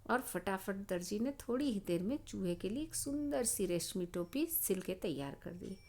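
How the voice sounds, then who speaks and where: Brief: middle-aged woman teacher, expressive storyteller, explains a children's tale. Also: medium pitch, normal speed. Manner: expressive storytelling, asks the listener questions.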